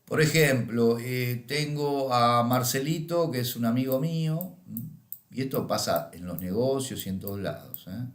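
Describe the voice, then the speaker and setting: A middle-aged man with a Rioplatense Spanish accent teaches astrology in a storytelling lecture, his voice sitting at an ordinary middle pitch. He keeps tagging his sentences with a questioning "¿m?" or "¿eh?". The room around him is noticeably echoey. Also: lively intonation, a little slow. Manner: tags lines with questioning "¿m?" and "¿eh?". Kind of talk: lecture with anecdotes.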